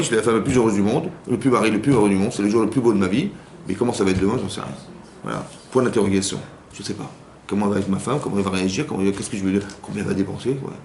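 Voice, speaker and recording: A man giving an informal class to women as a rabbi, talking conversationally with many repetitions and restarts and acting out quoted spouses. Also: mid-range voice. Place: community hall class. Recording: echoey room with faint hum.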